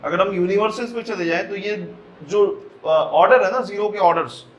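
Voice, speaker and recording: A man's voice: sits high, normal speed, dull audio. A man with a Hyderabadi Hindi accent teaching physics, explaining step by step, mixing in English terms and asking the class questions as he goes. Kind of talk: classroom lecture.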